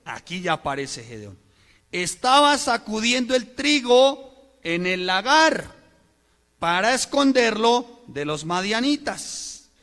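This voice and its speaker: A man preaches a sermon in a church, his voice sitting high for a man. He reads scripture and keeps asking his listeners questions in an expressive delivery. A long hall reverb trails each phrase. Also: slow pace. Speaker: pastor.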